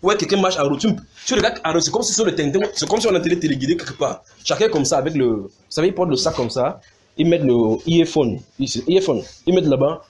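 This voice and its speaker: Animated French-speaking preacher man, lively sermon. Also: on the high side, quick pace, a little hiss or hum. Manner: animated, mimics sounds and gestures, calls out to the congregation.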